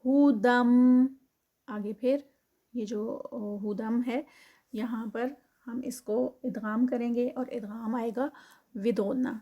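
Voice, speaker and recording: A woman's voice: on the high side, fairly even intonation, warm tone, muffled recording. A woman walks through Quranic recitation rules letter by letter. Her tone is patient and methodical, like a teacher leading a class, and she sets each explanation out step by step. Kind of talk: tajweed lesson, explaining then reciting.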